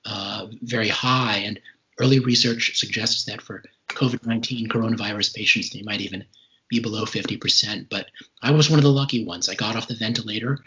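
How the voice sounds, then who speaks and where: Recounting his experience in an interview, a man in his forties, slightly breathless as he recovers from a serious respiratory illness, speaks in a halting, measured manner. His voice is on the low side, fairly even in intonation, with a bright, forceful tone. The call audio is dull and lo-fi.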